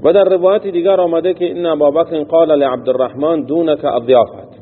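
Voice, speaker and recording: A man's voice: a little high, steady tone. A man teaching as a religious teacher. He reads a text phrase by phrase and explains each part in plain everyday words. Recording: tinny phone-like sound with long hall echo and faint noise.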